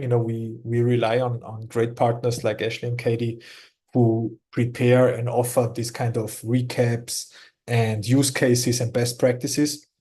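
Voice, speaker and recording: Guest exec, man with Austrian German accent, halting speech, mellow tone. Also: mid-range voice. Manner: halting, many restarts and repeated words. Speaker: company executive guest. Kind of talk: casual interview talk.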